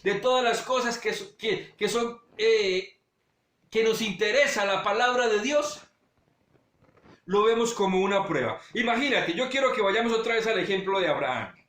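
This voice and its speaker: A male pastor giving a sermon, talking straight to his listeners and swinging between loud urging and hushed low passages. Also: reverberant. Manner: direct address to listeners.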